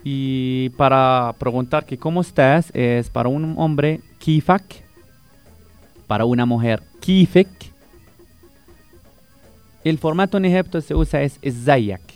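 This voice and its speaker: Slow and often pausing, this medium-pitched voice is clear and resonant, with soft music underneath. He is a teacher from Palestine, a native Arabic speaker, patiently teaching greetings on a radio interview and repeating every word for emphasis.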